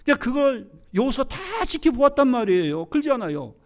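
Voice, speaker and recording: A man's voice: very high voice, very animated, fairly quick, a little hiss or hum. A man preaching a Sunday sermon as pastor in a church, emphatic and full of rhetorical questions to the congregation. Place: church sanctuary.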